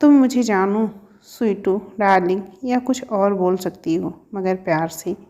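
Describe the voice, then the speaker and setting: A woman's voice: mid-range voice, measured pace, dark tone, natural voice. A woman reading a storybook, voicing a young male professor who pleads and teases his sweetheart. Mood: teasing. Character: young man, a professor, earnest and teasing lover.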